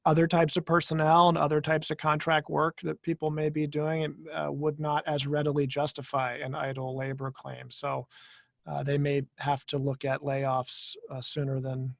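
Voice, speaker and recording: A man giving a professional webinar talk as an attorney, measured and explanatory, with fillers and repeated words. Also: fairly high pitch, monotone, creaky, dry recording.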